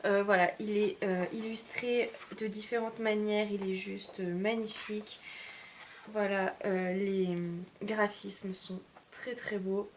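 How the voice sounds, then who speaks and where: A woman's voice: mid-range voice, flat delivery, slow pace, slight background noise. Hesitant French-speaking woman book vlogger. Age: adult mother of young children. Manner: hesitant, frequent filler sounds, self-mocking. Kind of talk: casual chat about a reading list.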